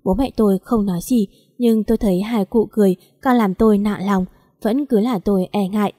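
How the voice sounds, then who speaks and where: A woman reading a first-person story aloud in a calm, even storytelling manner. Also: mid-range voice, a little fast, no room sound, studio quality. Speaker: story narrator. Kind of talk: scripted story narration.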